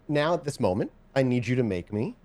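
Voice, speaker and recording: A man serving as game master narrates a tabletop game off the cuff, often pausing to search for words. His medium-pitched voice is very animated, with a darkish tone.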